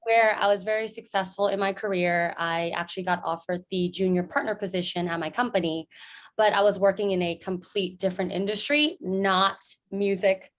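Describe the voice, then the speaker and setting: A woman's voice: mid-range voice, steady tone, normal speed. A woman from San Francisco, a founder, guesting on a podcast, friendly and chatty as she tells her story. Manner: friendly, laughs often, storytelling. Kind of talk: casual interview chat.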